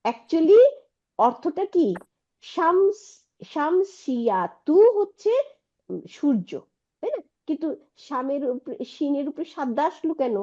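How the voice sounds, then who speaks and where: In an online Quranic Arabic lesson, a woman patiently explains the material and poses checking questions to her students. She has a high-pitched, animated, mellow voice at normal speed with long pauses, and the audio sounds dull.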